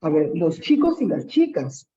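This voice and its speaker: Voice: medium pitch, sing-song, a little slow, dark tone, dull audio. A teacher with a Peruvian accent giving a class, patiently running through many examples and checking in with frequent tag questions. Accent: Peruvian Spanish. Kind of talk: online class lesson.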